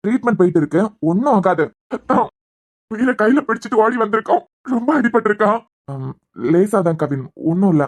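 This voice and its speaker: A woman voicing a firm, calm young policeman in a cartoon serial, with a Kanyakumari Tamil accent. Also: mid-range voice, brisk, natural voice.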